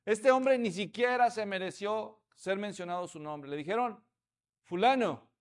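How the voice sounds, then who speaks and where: A pastor delivers a sermon, telling the story with animation and acting out the voices of townspeople. He has a high male voice and keeps a measured pace.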